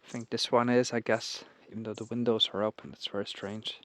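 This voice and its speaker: A young man vlogging while walking outdoors through a small town, musing aloud in a relaxed, casual way. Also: lowish voice, brisk. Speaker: travel vlogger. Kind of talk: casual walking vlog narration.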